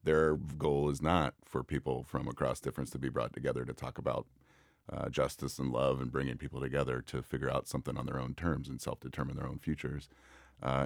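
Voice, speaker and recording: A man with an extremely low, flat-toned voice gives a measured answer as an interview guest. He pauses now and then as he explains, and the sound is dry. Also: gravelly, no echo. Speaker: nonprofit co-director and interview guest.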